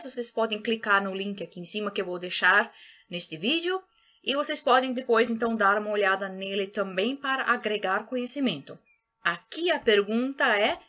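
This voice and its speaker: A woman teacher giving a patient video lesson in on German grammar, slowing down to spell out the German example sentences. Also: a little high, bright, forceful tone. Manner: patient, repeats points, slows down for German examples.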